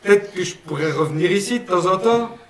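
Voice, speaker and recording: A man's voice: high-pitched, lively intonation, brisk, crowd noise. A man voicing a cheeky, naive working-class puppet man from Liège with a Liège accent, folksy and full of "hein", in a puppet radio play. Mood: chatty. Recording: roomy sound, mic at a distance.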